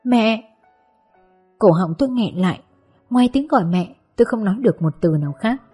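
A woman tells a first-person story in a very breathy, husky voice. Her delivery is gentle and wistful, with a warm, mellow tone. Faint music sits underneath her reading. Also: mid-range voice, expressive, fast talker. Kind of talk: first-person audiobook narration.

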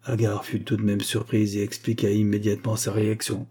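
A male narrator reads a novel aloud in steady, even narration. His voice is low and dark, with a slightly husky, breathy edge. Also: brisk. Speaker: audiobook narrator. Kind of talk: scripted audiobook narration.

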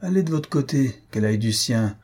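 A man's voice: mid-range voice, lively intonation, fairly quick, a little mellow, close to an everyday voice. A man reading an audiobook, voicing a stern, practical middle-aged aunt who lectures bluntly, raised well above his own voice. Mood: scolding. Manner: lecturing, firm and cutting.

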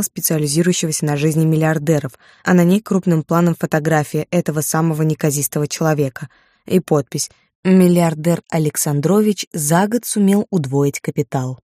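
A woman reading an audiobook in the first person, with lively, ironic storytelling. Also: sits low, no echo, clean studio sound. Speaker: audiobook narrator.

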